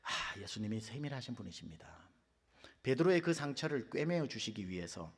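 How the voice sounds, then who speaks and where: A middle-aged male pastor preaching a dramatic sermon, acting out inner voices and swinging from loud to hushed. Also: medium pitch, big pitch swings, a little fast, breathy edge. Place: large church sanctuary. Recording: long hall reverb.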